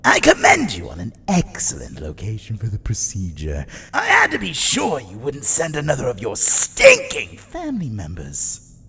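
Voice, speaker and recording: A man's voice: mid-range voice, huge pitch swings, moderate pace, vocal fry, sharp tone, breathy edge, full character voice. A man voicing a maniacal, gleefully cruel clown supervillain in a motion comic, theatrical and cackling, swinging between shrieks and murmurs. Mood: sinister.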